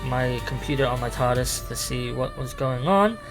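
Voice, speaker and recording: A man playing the Doctor, an ancient, restless and lonely alien time traveller, talking in halting, rambling bursts full of restarts over background music. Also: mid-range voice, lively intonation, natural voice. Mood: casual. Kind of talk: improvised fan audio drama.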